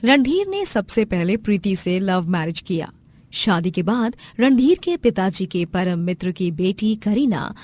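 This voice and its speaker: A woman narrating a cartoon story in a steady, explanatory storytelling voice. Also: medium pitch.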